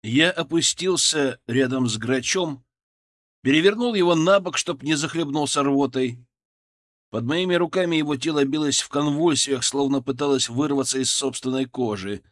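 A man's voice: mid-range voice, moderate pace. A man reading a first-person audiobook with dramatic, tense storytelling. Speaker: audiobook narrator. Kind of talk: first-person scripted narration.

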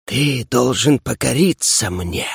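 Guy doing a hissing, arrogant darkness spirit, slow and drawn out, dry close sound. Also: mid-range voice, lively intonation, vocal fry, husky, no echo, full character voice. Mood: coaxing. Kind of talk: audiobook character reading.

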